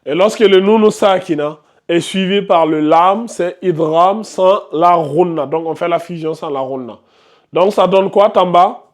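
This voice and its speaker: A man's voice: sits high, unhurried. A man teaching Quran recitation rules to a live class, quizzing his students and repeating the key terms. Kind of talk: live classroom tajwid lesson.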